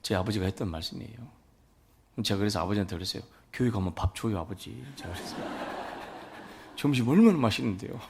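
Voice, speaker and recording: A man's voice: on the low side, animated, fairly quick, creaky, noisy background. A man preaching a sermon as a pastor, telling folksy stories and acting out family dialogue. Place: church sanctuary.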